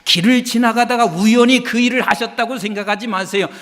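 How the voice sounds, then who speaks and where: A man preaching a sermon as pastor, emphatic, calling on the congregation for amens and swinging between hushed and loud delivery. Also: very high-pitched, brisk. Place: church sanctuary. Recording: long reverb of a church hall.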